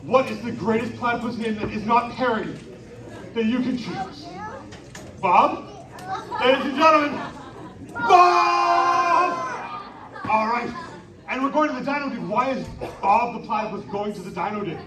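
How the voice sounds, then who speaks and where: A man performing a live interactive story show at a winter carnival, coaxing the audience into shouted call-and-response. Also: very high-pitched, animated, a little fast, background noise. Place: outdoor winter carnival stage. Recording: echoey, distant live recording with crowd.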